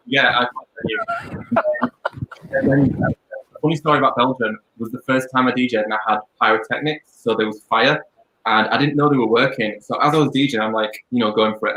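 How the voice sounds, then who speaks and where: Young dj guest, rapid bright delivery, echoey room on a video call. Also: male voice, mid-range voice. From Leeds, England. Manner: chatty, upbeat, rambling. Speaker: DJ and music producer guest. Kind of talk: casual interview chat.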